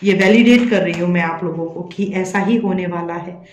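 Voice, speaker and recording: A woman's voice: lowish voice, normal speed, darkish tone, reverberant, a little hiss or hum. A woman speaks to viewers as a tarot reader and psychic medium, coaxing them along and checking again and again that they follow. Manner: coaxing, repeats a tag question to check the listener follows. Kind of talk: addressing viewers directly in a tarot reading.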